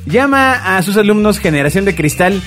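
Teasing Mexican male host, animated. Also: high voice, normal speed, soft background music. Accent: Mexican Spanish. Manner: teasing, storytelling. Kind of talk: casual comedy talk show.

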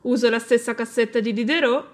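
A woman voicing a timid, stubborn young female seagull in a shrill, pleading voice. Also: steady tone, a little fast, natural voice.

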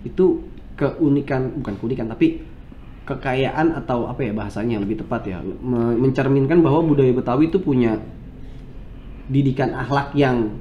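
A man's voice: mid-range voice, normal speed, muffled recording, a little hiss or hum. A man from Java hosting a casual chat interview, joking in slangy talk and laughing often. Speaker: host.

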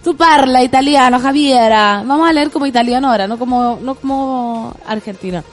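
Chilean woman, morning radio host, high bright voice, playful and jokey, music faint underneath. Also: fairly quick. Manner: playful, joking, rambling. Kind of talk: morning radio chat reading listener messages. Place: radio studio.

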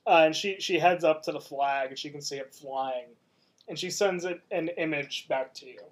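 A woman's voice: sits low, moderate pace. A woman running a tabletop game as game master, giving matter-of-fact rulings between filler words.

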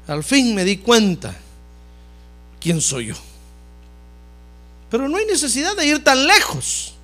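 A male pastor preaches with a high voice that swings widely up and down. He talks straight to the congregation and keeps calling his listeners brother. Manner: animated preaching that repeatedly addresses listeners as brother. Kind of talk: sermon.

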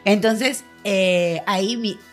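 A woman's voice: medium pitch, slow, soft background music. A woman with a Peruvian accent telling a funny family story to friends, laughing often and acting out the voices of the people in it. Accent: Peruvian Spanish. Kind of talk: casual storytelling.

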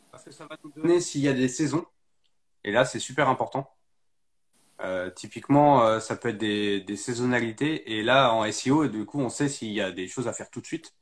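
A man talking casually as an interview guest, explaining things step by step with many hesitations. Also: medium pitch. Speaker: SEO guest.

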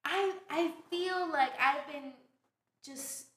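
A woman from Brooklyn, a podcast guest telling stories in casual, animated chat. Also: high-pitched, takes it slowly, background noise. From Brooklyn, New York. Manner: animated storytelling, laughs often. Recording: roomy echo.

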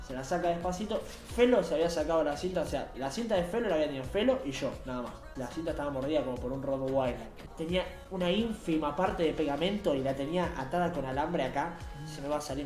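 A young man with a Rioplatense accent tells a story at a rapid clip, bouncing through acted quotes in a voice that sits a bit high. He sounds like he is in an echoey room, with faint music playing behind him. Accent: Rioplatense Spanish. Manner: fast, animated storytelling with acted quotes and laughter. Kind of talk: casual chat.

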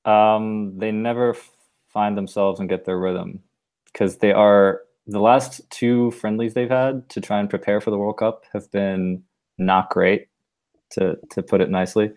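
A man with a German accent and a lowish voice, holding to a narrow, even pitch. He is a podcast co-host who walks through his points at length, restarting his sentences as he goes. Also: unhurried. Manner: thoughtful, explains at length with restarts. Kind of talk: casual sports discussion.

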